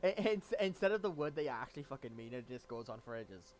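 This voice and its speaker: A young man in a casual gaming chat, excitable, swearing often and stammering on restarts. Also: medium pitch, brisk, a little hiss or hum.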